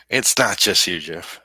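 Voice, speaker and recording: A man's voice: low-pitched, sharp tone, slightly rough, dry recording. A man with a Brooklyn accent chatting casually as a livestream co-host and reading out viewer comments. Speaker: show co-host.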